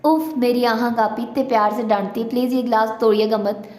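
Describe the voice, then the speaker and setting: A woman's voice: on the high side, level tone, brisk, darkish tone, reverberant, long reverb tail, close to an everyday voice. A woman reading aloud, voicing a sleepy young girl who teases in a playful, mocking way. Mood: teasing.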